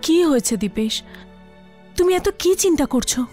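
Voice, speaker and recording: An actress playing an affectionate young wife in a dubbed TV horror drama, soothing and reassuring. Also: female voice, sits high, animated, normal speed, warm tone, faint music behind.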